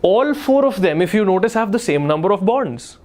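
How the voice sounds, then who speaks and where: Man, North Indian accent, fairly high voice, emphatic teacher, repeats key questions, mixes Hindi into English. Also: very animated, moderate pace, a little mellow. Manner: switches between English and Hindi. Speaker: chemistry teacher. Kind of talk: live online exam lesson, explaining step by step.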